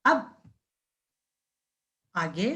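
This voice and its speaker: A woman teaching a primary school class, sounding out words syllable by syllable and repeatedly checking with the children. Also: bright, forceful tone. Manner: drawn-out syllable-by-syllable pronunciation drills. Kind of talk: slow classroom lesson addressing children.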